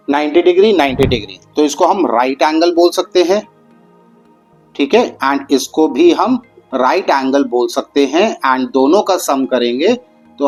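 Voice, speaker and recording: A male math teacher explains geometry in a patient, encouraging way. His voice sits a little high for a man, and he drags out the important terms. Soft music plays faintly behind him. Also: rough recording. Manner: patient, addresses students as "beta"; slows down and stretches out key terms.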